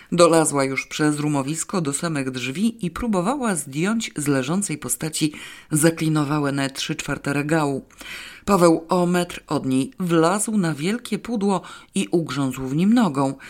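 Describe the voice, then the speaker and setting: A woman narrating a first-person novel as an audiobook, wry and expressive. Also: deep voice.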